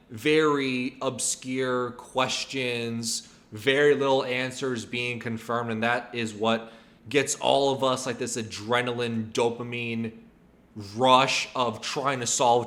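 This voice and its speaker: Bright-voiced rambling male streamer. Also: medium pitch. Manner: rambling, hedging, many fillers. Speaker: streamer reacting to a video. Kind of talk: casual live-stream commentary.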